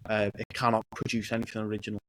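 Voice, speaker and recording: Flat-voiced man talking earnestly. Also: fairly low pitch, a little hiss or hum, rough recording. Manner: earnest, deliberate, corrects himself. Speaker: podcast host. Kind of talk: casual podcast chat.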